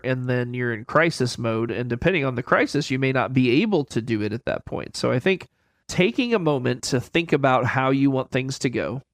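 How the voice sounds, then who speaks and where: A man's voice: medium pitch, no room sound, clean studio sound. A man giving financial advice on a radio show, plain-spoken and folksy, repeating his key points. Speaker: financial advisor guest. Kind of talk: conversational expert explanation.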